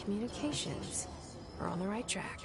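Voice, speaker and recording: A woman playing a guarded, introspective heroine in a supernatural mystery video game, speaking a measured, deadpan inner monologue. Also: medium pitch, gravelly. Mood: guarded unease.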